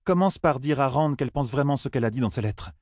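A man voicing a gentle young woman who softly coaxes her friend, in a fantasy audiobook. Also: mid-range voice, lively intonation, quick pace, no echo, clean studio sound, voice pushed up, lightly acted. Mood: coaxing.

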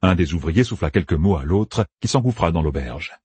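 Man, audiobook narrator, deep, very husky, animated pitch, dry studio sound. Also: brisk, no echo. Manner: expressive storytelling. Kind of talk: scripted narration.

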